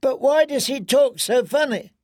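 A man's voice: extremely high pitch, normal speed, darkish tone, dry recording, clean studio sound, voice pushed up. A man doing a wide-eyed little princess. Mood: wondering. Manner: eager, curious questions.

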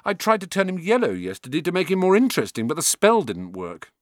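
A man voicing a blunt, chatty eleven-year-old schoolboy with a quick offhand manner. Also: high-pitched, wildly swooping pitch, no room sound, clean studio sound, pitched above the performer's own voice.

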